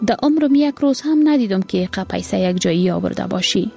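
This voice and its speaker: A woman's voice: mid-range voice, expressive, creaky, mellow, faint music behind. A woman voicing a worried, loving mother and wife, with an exclaiming, pleading manner. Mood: anxious.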